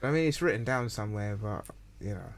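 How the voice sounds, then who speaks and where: A man's voice: on the low side, expressive, brisk, crowd noise. A man, a comedian guest, talking in a laid-back way and giggling often. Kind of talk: casual banter.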